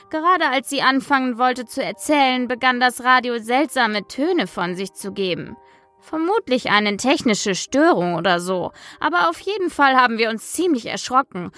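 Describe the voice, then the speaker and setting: Horror radio play: actress as frightened, snippy grandmother witness, bright high voice, deliberate dramatic telling. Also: no room sound. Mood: tense recounting. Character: frightened, snippy grandmother giving police testimony. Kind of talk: German audio horror drama acting.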